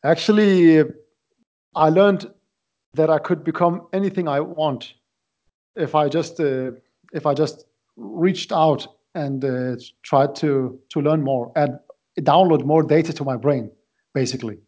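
A man in his late twenties, originally from Iraq, talking as a podcast guest in a halting way, often repeating words as he searches for them. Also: fairly high pitch, warm tone. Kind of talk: casual interview talk. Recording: dull lo-fi audio.

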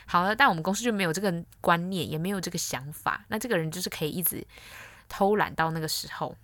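Young woman host, candid and blunt, slightly low voice, dry booth sound. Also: quick pace, fairly bright tone, no room sound. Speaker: podcast host. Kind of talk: casual solo podcast chat.

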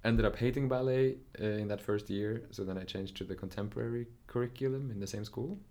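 A young Norwegian man speaks low and gravelly, with vocal fry, as an interview guest who works as a dancer. His pace is brisk, yet he sounds thoughtful and hesitant, using lots of fillers and correcting himself while telling his story in a relaxed, casual conversation.

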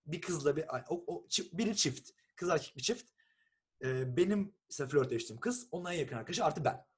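A young man from Turkey, telling a long story in a casual, animated chat and acting out what people said. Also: fairly high pitch, a little fast, husky. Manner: animated storyteller who acts out quoted texts and swears casually.

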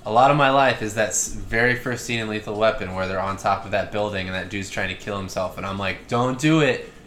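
A man's voice: fairly low pitch, fairly even intonation, quick pace, a bit bright, a little hiss or hum. A young man co-hosting a podcast, rambling with crude, self-deprecating jokes and lots of fillers. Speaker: podcast co-host. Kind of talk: casual podcast banter.

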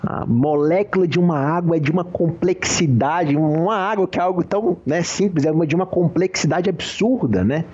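A man speaks casually as a guest on a poker interview, easy and slangy, always checking that the listener follows. His voice sits a bit high for a man. The recording is muffled and dull. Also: moderate pace, few pauses, slightly rough. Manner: relaxed, slangy, says "cara" and "entendeu" often. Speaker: professional poker player, guest.

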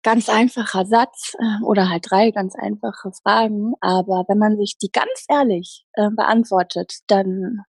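A woman working as a happiness coach, talking earnestly in an interview with many pauses and restarts. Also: medium pitch, fairly even intonation, a little mellow, slightly rough, dry recording. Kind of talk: casual interview talk.

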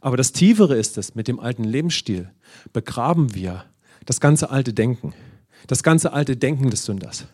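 A man preaching a sermon, calling out "Amen" and "ja" often, with loud exclamations and quiet, murmured passages. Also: medium pitch, animated, moderate pace, slightly rough. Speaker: pastor.

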